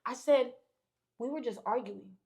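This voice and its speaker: On a podcast, a female guest spins a long, casual tale, swearing freely and performing the quotes with animation. She speaks unhurriedly in a slightly high, creaky voice.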